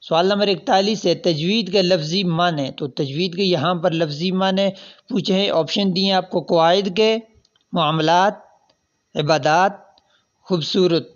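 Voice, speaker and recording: A man's voice: high-pitched, dull audio. A man teaching, reading exam questions and their options aloud, then explaining each correct answer step by step. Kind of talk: solving past exam questions.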